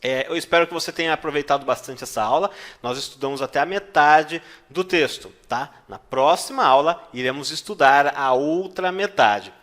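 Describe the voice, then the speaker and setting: Male English teacher, online lesson, slow drawn-out examples, constant check-ins. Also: fairly high pitch, a bit bright.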